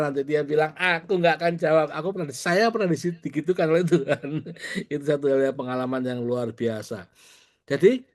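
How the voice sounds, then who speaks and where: A man's voice: on the high side, a little mellow. A middle-aged male pastor preaching over a video call, conversational, telling personal stories and laughing at himself.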